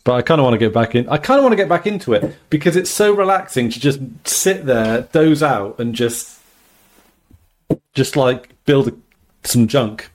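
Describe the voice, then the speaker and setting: A man co-hosting a casual podcast chat, rambling and halting, often restarting his sentences. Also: mid-range voice, animated, a little hiss or hum. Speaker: podcast co-host.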